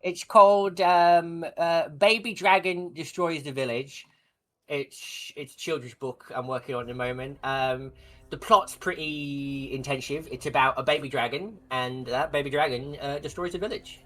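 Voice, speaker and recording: A woman's voice: sits low, fairly even intonation, moderate pace, fairly bright tone. Woman doing a lisping old shopkeeper. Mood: rambling. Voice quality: lisp. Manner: eager, rambling salesman patter. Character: chatty old male shopkeeper with false teeth.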